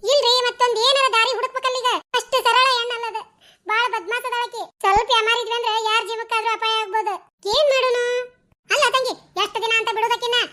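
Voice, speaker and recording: A woman doing squeaky cartoon village women. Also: steady tone. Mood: anxious. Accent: North Karnataka Kannada. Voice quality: very high, bright and shrill. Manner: fast, chattering village talk. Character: squeaky-voiced village women in a family quarrel. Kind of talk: cartoon dialogue acting.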